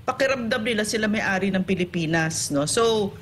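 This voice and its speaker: A woman's voice: mid-range voice, animated, normal speed, a little hiss or hum. A woman political commentator in an online interview, talking indignantly and firing off rhetorical tag questions.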